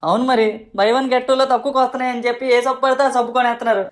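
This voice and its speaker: A woman's voice: mid-range voice, lightly acted. A woman doing a mouthy lazy schoolboy. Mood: talking back. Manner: quick, mouthy, complaining. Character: cheeky lazy teenage schoolboy, sulky and sarcastic. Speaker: voice actor in an animated comedy.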